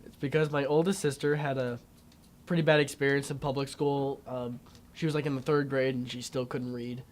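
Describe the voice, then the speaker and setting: A man's voice: medium pitch, little pitch movement, fairly quick. An eighteen-year-old man, a graduating homeschool student, giving casual interview answers in an emphatic, offhand way.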